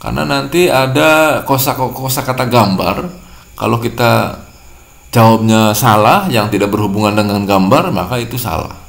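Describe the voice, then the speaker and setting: A man's voice: medium pitch, normal speed, creaky, reverberant. A man teaching a language lesson, patiently repeating and translating each word. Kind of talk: classroom-style lesson explaining vocabulary.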